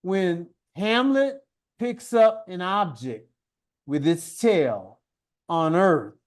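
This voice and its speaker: A man's voice: high voice, lively intonation, drawn-out words. A man teaching a one-on-one science lesson, patient and encouraging, guiding his student with questions and praise.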